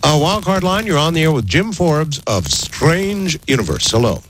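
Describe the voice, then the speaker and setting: A man hosting a late-night call-in radio show, with a smooth, measured radio host delivery as he introduces callers and tells stories on air. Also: fairly high pitch, sing-song, fairly bright tone, a little hiss or hum.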